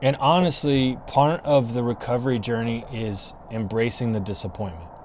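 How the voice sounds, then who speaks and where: Man, podcast host, earnest and encouraging, mid-pitched voice, outdoors, faint traffic hum behind. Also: fairly even intonation, normal speed, a little mellow. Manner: earnest, encouraging, self-correcting with restarts. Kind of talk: casual solo podcast talk. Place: outdoors in the cold. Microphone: camera and mic, filming himself.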